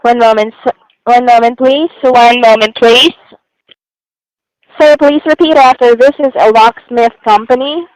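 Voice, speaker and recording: A woman as a smooth-voiced, polite relay operator. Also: on the high side, fairly even intonation, unhurried, poor audio. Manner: polite, formulaic phrasing. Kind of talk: reading typed relay messages aloud.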